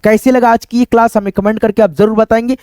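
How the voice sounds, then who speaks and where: Dry and studio quality, this recording features a high-pitched male English teacher with fairly even intonation, a quick pace and a darkish tone. He teaches phonics online, spelling words letter by letter, asking questions and repeating the answers. He frequently addresses viewers as friends with tag questions.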